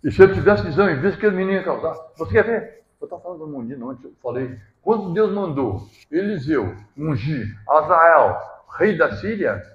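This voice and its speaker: A male pastor with a Gaúcho accent from southern Brazil, preaching with emphasis, swinging between loud bursts and low asides and often checking that the listeners follow. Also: expressive, fairly quick, lo-fi sound. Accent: Gaúcho Brazilian Portuguese. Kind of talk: sermon. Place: church hall. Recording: roomy church hall echo.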